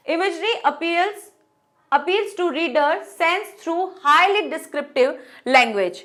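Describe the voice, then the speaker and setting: High-voiced woman teacher explaining poetry. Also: a bit bright. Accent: Indian. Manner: asks questions and answers them herself, repeats words slowly. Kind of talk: classroom lesson explaining poetry.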